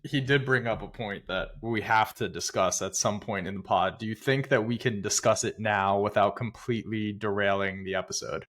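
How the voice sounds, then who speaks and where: A man co-hosting a casual sports podcast, relaxed and conversational as he moves through the segments. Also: fairly low pitch, moderate pace, few pauses. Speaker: podcast co-host.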